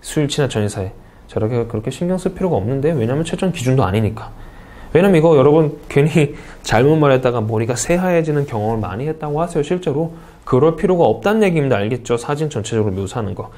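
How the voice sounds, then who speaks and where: Korean man giving a lively lecture. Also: mid-range voice, fast talker. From South Korea. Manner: lively teacher, asks the class questions and answers them. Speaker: English speaking test instructor. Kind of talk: online lecture.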